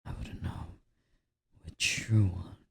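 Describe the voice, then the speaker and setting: A man doing a whispered role-play as a comforting boyfriend, speaking in a soft, breathy, intimate murmur with a husky, gravelly edge, close to the microphone. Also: dry recording. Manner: slow, gently reassuring boyfriend-style comforting.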